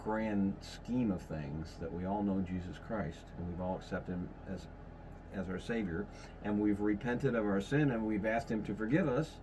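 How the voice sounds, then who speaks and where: Low-voiced folksy male podcast host in his fifties, chatty and self-correcting, faint hiss behind. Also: moderate pace. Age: 50s. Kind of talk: casual chat.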